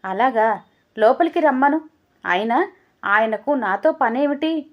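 Scheming older mother-in-law as a woman puts her on, wheedling, evasive, fairly high voice. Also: lively intonation, takes it slowly, highs cut off.

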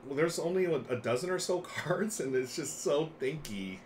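A middle-aged man with a fairly high-pitched voice hosts a board game live stream at a moderate pace, chatting excitedly and casually as he explains the games. The small room around him is lined with board games, and steady background noise comes through clearly.

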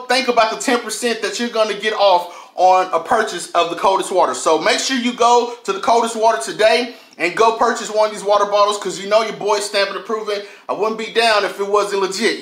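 A man in his thirties hosting an eating show from his kitchen, chatting casually in an animated, slangy way with catchphrases. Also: high voice. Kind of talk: casual mukbang chat to camera. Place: home kitchen, indoors. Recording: echoey kitchen room sound.

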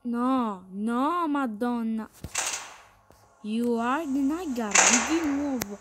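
A woman giving excitable, chatty commentary while playing a game, talking to her viewers and to the game characters. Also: fairly high pitch, extremely slow, heavy background noise. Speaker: gaming streamer. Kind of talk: playful gameplay commentary.

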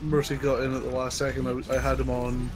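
A man's voice: mid-range voice, completely flat delivery, brisk. Man narrating his own game play. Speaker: player. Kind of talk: casual gaming chat. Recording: game music behind.

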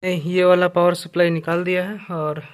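In a small bedroom at home, a vlogger in his twenties holds a phone at arm's length and talks to the camera, chatty and joking as he explains what he's doing. His voice sits high, with a flat delivery at normal speed.

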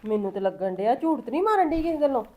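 Middle-aged mother-in-law, high voice, coaxing and nagging. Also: sing-song, very fast, a little mellow. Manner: coaxing, prying, scolding. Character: fussing, caring mother-in-law. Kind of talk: family drama acting.

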